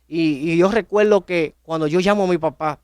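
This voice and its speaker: A man's voice: a little high, normal speed, clean tone, dry recording, studio quality. A young man giving a personal faith testimony, telling his story emotionally with many repetitions and restarts. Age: young adult. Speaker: testimony speaker.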